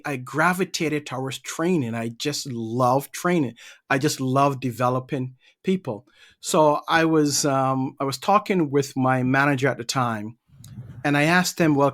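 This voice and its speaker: A man's voice: mid-range voice, fairly bright tone. Easygoing man from Barbados. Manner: easygoing, repeats words while thinking. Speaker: guest, leadership trainer. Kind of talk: casual interview answers.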